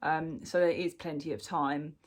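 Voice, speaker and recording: A UK crochet vlogger chats casually through an update on her work in progress, sounding bunged up from a cold and full of ums and restarts. Her voice sits low, with a steady tone at normal speed, in a relaxed show-and-tell style.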